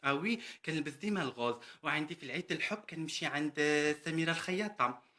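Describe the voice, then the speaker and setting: A boastful, self-important Moroccan housemaid woman, played by a man rattles on at a breakneck pace in a comedy sketch. The voice sits fairly high and bright, with a Moroccan Arabic accent, and she keeps calling the listener sister. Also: expressive, rapid-fire. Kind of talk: comedy character monologue.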